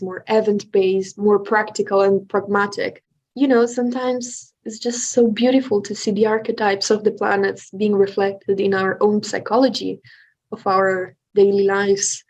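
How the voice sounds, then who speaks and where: An earnest Swiss podcast co-host from Italian-speaking Switzerland explains things in casual conversation, sometimes pausing to hesitate. Her voice is mid-range and a little mellow, captured in a low-quality recording.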